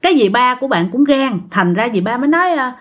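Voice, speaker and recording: A woman's voice: high voice, very animated, fast. A woman with a Southern Vietnamese accent narrating a ghost story in a chatty way, talking straight to her listeners. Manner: chatty, addresses listeners directly.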